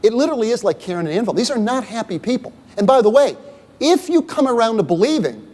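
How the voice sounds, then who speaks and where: Speaking quickly in an extremely high, sing-song, darkish voice, a middle-aged man lectures on leadership in a university event room with a long reverb tail. He chats with the symposium audience, keeps saying "okay?" and "right?", and asks rhetorical questions.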